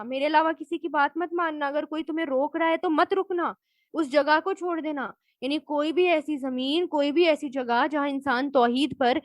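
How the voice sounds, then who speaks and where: High-voiced woman teaching scripture. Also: no echo, low-quality recording. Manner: recites Arabic words, then glosses each in Urdu. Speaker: Quran teacher. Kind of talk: word-by-word scripture lesson.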